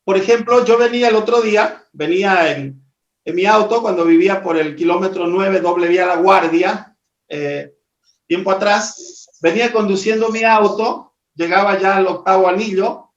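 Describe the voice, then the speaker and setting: Male trainer, high voice, didactic webinar delivery, distant dull audio. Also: normal speed, roomy sound. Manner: didactic, asks rhetorical questions. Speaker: presentation skills trainer. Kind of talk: live webinar lesson. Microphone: video call.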